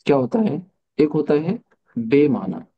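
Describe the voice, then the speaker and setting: A man's voice: a little high, big pitch swings, measured pace, breathy edge, highs cut off. Man teaching online, asks rhetorical questions. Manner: mixes English terms into his explanations. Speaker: Arabic teacher. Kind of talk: online class lecture.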